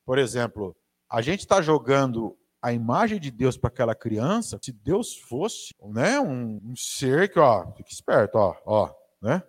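Animated Brazilian man preaching. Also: medium pitch, unhurried, husky. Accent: Brazilian Portuguese. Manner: animated, conversational preaching, with asides to the audience. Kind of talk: sermon.

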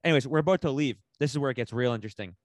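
A man co-hosting a casual podcast, telling a rambling, animated story full of slang and swearing. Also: mid-range voice, very fast, dry recording. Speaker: podcast co-host.

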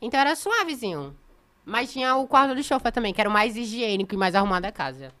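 Fast, bright woman guest telling lively anecdotes in casual chat. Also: on the high side. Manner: animated storyteller, acts out others' lines.

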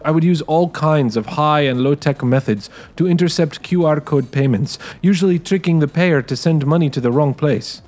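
A man with a mid-range, darkish voice tells first-person audio fiction in character. He plays a streetwise, wary male ex-con in a tech-dystopian world, narrating the dramatized story.

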